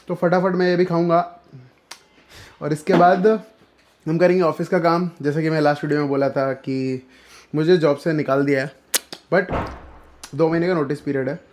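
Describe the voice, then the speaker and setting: Nursing a slight cold and sore throat, a young man chats to the camera in a relaxed vlog about how he keeps fit, moving from home to the gym. His voice sits on the high side with a darkish tone, and he slips back and forth between Hindi and English.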